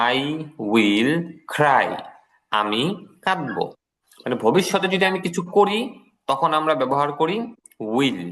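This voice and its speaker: A man's voice: a little high, a bit bright. Patient male English teacher, Bengali-accented. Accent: Bangladeshi Bengali. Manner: patient, repeats each word twice with translation. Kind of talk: online class lecture.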